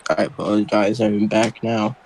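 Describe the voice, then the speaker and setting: A man's voice: lowish voice, fairly even intonation, moderate pace, darkish tone, poor audio. A man doing casual amateur play-by-play football commentary, rambling and correcting himself as he goes. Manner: rambling, self-correcting, apologetic while multitasking.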